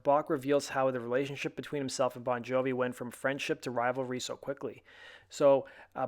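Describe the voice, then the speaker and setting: Man reading out rock news. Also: mid-range voice. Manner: even, conversational news reading with occasional "uh"s. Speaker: host of a rock news channel.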